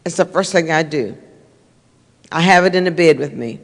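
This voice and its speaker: A woman's voice: sits low, normal speed, vocal fry. An older woman, giving an earnest, repetitive, conversational talk to a congregation as a minister. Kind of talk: sermon-style talk to a congregation. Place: church sanctuary. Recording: reverberant church hall.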